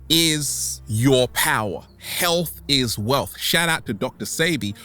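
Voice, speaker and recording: A slightly high, pushed and bright male voice carries this vlog host's motivational monologue. Speaking to online followers, he is playful and theatrical, repeating catchphrases and lengthening words for emphasis.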